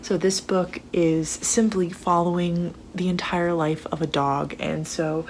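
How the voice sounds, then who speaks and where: Young woman with a creaky voice, chatting. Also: on the low side, fairly even intonation, measured pace, a little mellow, a little hiss or hum. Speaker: book reviewer. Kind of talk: casual chatty book vlog.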